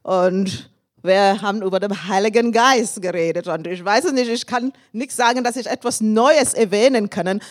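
A woman in her fifties from England, with an English accent on her second language, preaching as a guest and sharing personal testimony with laughs and shouts of praise. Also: medium pitch, normal speed. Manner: warm and thankful, with frequent laughs and praise shouts.

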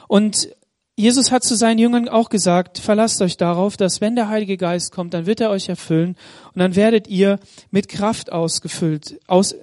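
Male preacher, high-pitched, direct to the congregation, reading scripture with weight; dry recording. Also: fairly even intonation, darkish tone, no echo. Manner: reads scripture aloud, slows for emphasis. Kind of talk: sermon with Bible reading. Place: church in Munich.

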